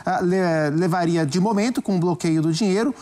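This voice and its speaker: A high-pitched man with a darkish tone and a Brazilian Portuguese accent comments on a studio sports debate. He gives his opinion in a measured manner, frequently starting sentences over as he works through his thoughts.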